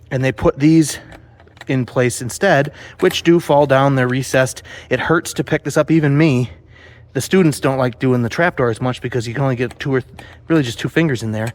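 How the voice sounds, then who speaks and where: Chatty man explaining a stage build. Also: medium pitch. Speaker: set builder. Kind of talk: casual build vlog narration. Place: theater stage and workshop.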